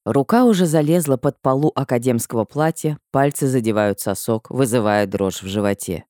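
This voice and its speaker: A woman's voice: normal speed, darkish tone, no room sound, studio quality. Woman narrating a first-person audiobook. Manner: emotional reading with sudden high cries.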